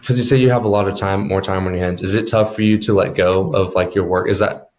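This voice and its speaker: A man with a fairly low voice chats casually as a podcast guest. He thinks out loud, circling back and putting reflective questions to the host. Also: fairly even intonation, fast, slight background noise. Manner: reflective, asks searching questions. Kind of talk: casual interview chat.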